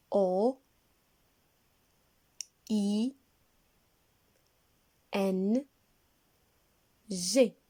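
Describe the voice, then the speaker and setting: Spelling words letter by letter, a woman who teaches primary school takes young children through reading, her speech slow and clear. She has a mellow, mid-range voice.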